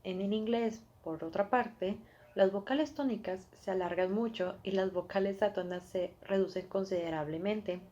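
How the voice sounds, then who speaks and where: A woman's voice: mid-range voice, normal speed, warm tone, highs cut off. A woman reading a scripted lesson from her notes and correcting her own slips. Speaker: student presenter.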